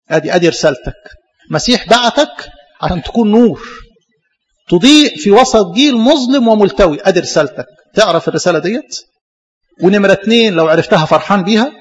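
A man, a priest with an Egyptian Arabic accent, preaching a fervent sermon and asking the congregation many rhetorical questions, in a church. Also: sits high. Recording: long church-hall reverb, dull lo-fi sound.

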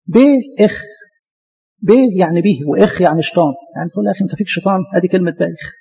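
A man with an Egyptian Arabic accent giving a lively church lecture, talking to his listeners as his beloved. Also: high voice, very fast, vocal fry, slightly rough, big-room sound, highs cut off. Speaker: Coptic church speaker.

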